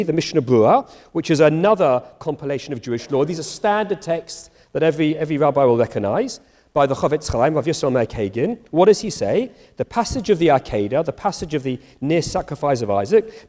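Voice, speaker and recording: A middle-aged man, a rabbi, giving an animated public lecture and acting out the dialogue as he goes. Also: on the high side. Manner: animated, acts out dialogue in voices. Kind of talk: lively university lecture. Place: large chapel hall. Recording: long reverb of a large chapel.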